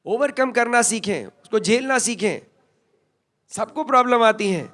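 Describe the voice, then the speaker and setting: Folksy, high-voiced man. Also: expressive, a little slow, fairly bright tone. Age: older. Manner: folksy and emphatic, addressing the crowd directly. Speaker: motivational speaker. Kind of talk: stage talk to an audience.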